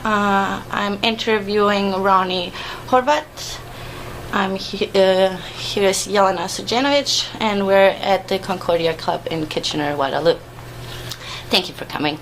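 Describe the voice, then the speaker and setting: A woman with a middle-pitched voice interviews a guest for an oral history project. She asks her questions hesitantly, with fillers and pauses. A faint background noise runs under the recording. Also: rough recording.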